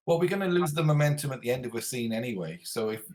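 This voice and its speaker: A man's voice: mid-range voice, expressive, fast, a little mellow. A man talking casually as a player in a tabletop roleplaying game.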